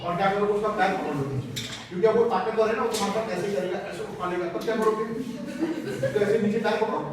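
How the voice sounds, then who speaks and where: Male trainer, high voice, animated and coaxing with children; boomy reverberant room, faint background noise. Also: fast, far from the mic, a crowd in the background. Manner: animated, coaxing, urging kids to shout. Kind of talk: classroom talk to children. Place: school classroom or hall.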